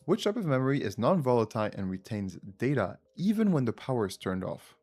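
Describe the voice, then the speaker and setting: A French-accented livestream host, native to France and a first-language French speaker, runs a casual live quiz. He talks a little fast in a sing-song, slightly mellow medium-pitched voice, reasoning aloud as he chats with viewers.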